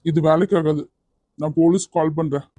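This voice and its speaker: A performer voicing a kind, persistent young man in a cartoon, firm yet gentle as he coaxes someone to come along. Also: medium pitch, steady tone, moderate pace, no echo, natural voice. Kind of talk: cartoon voice acting.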